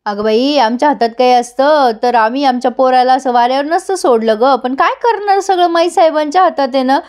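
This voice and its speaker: A woman's voice: sits high, brisk, darkish tone, natural voice. A woman doing a bossy scheming mother-in-law. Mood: bossy lecturing. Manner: commanding, lecturing.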